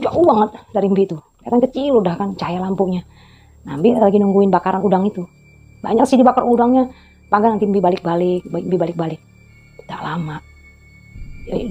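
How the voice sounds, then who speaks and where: A woman's voice: medium pitch, dark tone, slightly rough. A woman in her fifties telling a story in a chatty, rambling way, often repeating who said what. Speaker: storytelling vlogger. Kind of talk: casual storytelling. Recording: slightly dull lo-fi audio with faint music.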